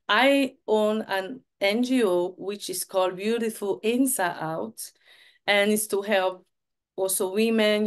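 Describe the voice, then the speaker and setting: Smooth-voiced woman hosting a video call. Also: mid-range voice. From Cameroon. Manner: warm encouraging interviewer with short affirming replies. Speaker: host. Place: home setup with virtual background.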